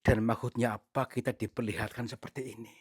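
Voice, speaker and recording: A man leading a paranormal investigation, talking in a hushed, polite, pleading way, often whispering. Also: medium pitch, level tone, brisk, breathy edge. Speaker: ghost-hunting vlogger.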